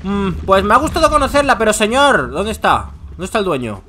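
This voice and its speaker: High, bright, animated gamer guy. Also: fairly quick, a little hiss or hum. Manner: animated, theatrical, calls his brother "hermanito". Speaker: gaming YouTuber. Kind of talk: playful gameplay banter.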